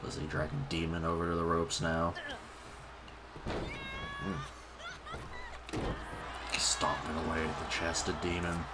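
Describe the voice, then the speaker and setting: A man with a deep voice delivers wrestling commentary. He calls each move play by play in short phrases. The recording has heavy noise throughout. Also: completely flat delivery, unhurried, pauses often. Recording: very noisy recording.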